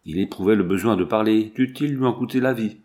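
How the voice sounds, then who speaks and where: Low-voiced male narrator, dramatic but measured novel reading. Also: darkish tone. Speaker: audiobook reader. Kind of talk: scripted narration.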